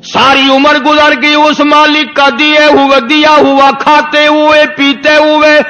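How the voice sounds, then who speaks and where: High bright-voiced male preacher. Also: monotone. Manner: impassioned, rhetorical, drawn-out emphasis. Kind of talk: sermon storytelling. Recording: long hall reverb.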